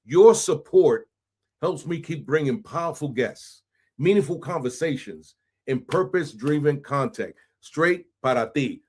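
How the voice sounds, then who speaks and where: A man hosting a podcast, energetic and hype, sprinkling in Spanish phrases and frequent "right?". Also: a little high, measured pace, husky. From New York City. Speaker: podcast host. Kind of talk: animated podcast intro and interview.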